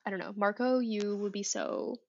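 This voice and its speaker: A woman's voice: mid-range voice, moderate pace, no echo, highs cut off. Thoughtful woman co-hosting a literary podcast. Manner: thoughtful, hedging, many restarts. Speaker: podcast co-host. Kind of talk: casual literary discussion.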